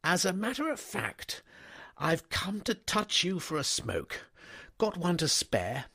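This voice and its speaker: A man voicing a bright, excitable upper-class young English gentleman who stammers and chatters in breezy slang. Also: high-pitched, slow pace, creaky, husky, voice pushed up, heavily acted.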